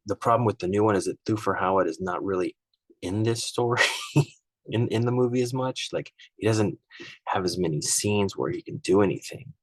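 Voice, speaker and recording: Deep voiced guy rambling about movies, blunt opinions, keeps saying right?, dead dry close sound. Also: no echo, poor audio. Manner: rambling and conversational, often ending points with "right?"; frank and opinionated, easily irked. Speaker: film reviewer. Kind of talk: casual spoken film comparison.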